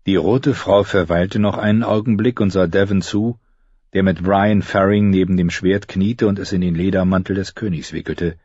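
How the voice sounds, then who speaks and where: A man narrating an audiobook in a steady, measured storytelling manner. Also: low-pitched, slightly rough, no echo, lo-fi sound. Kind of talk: scripted narration.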